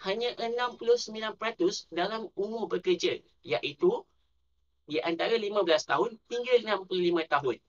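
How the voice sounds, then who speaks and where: The recording is muffled, and the man's voice is high-pitched as he presents a scripted personal finance explainer for YouTube in a Malaysian Malay accent. Statistics and figures come out steady and carefully paced.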